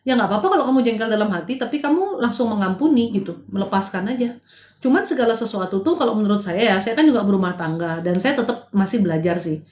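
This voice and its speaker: A woman's voice: mid-range voice, lively intonation, fast talker, darkish tone. A middle-aged woman counseling live-stream viewers on their marriages in casual chat, direct and scolding by turns, sometimes dropping in English phrases. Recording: roomy echo.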